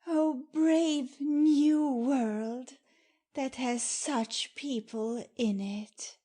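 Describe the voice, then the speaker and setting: A loving young maiden acted by a woman, high-voiced and mellow. She lingers very slowly over her lines with innocent wonder, as in a Shakespeare audiobook. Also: steady tone, heavily acted. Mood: awed wonder. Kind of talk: dramatic Shakespeare audiobook reading.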